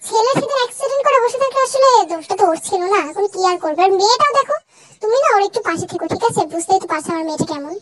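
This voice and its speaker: A fussing, fond mother who rambles on, voiced by a young woman in a lowered but still high voice. Her lines run long and fretful. A faint hiss stays in the background. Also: lively intonation, very fast. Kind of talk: fan dub voice acting.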